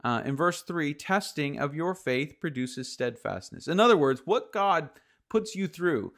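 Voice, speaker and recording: Earnest pastor giving a webcam sermon. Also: male voice, a little high, lively intonation, unhurried, fairly bright tone. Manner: earnest, explanatory, many fillers and restarts. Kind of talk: recorded video sermon. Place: home office, indoors. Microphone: studio microphone with headphones, close.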